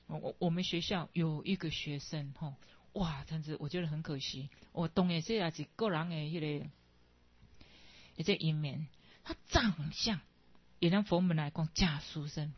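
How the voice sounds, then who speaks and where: A woman's voice: low-pitched, moderate pace, slightly rough, no echo. A woman with a Taiwanese accent teaching in a Buddhist dharma talk, rambling, slipping into Hokkien and tagging phrases with particles. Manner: digressive, mixes in Hokkien, frequent tag particles. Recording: dull, lo-fi dry recording.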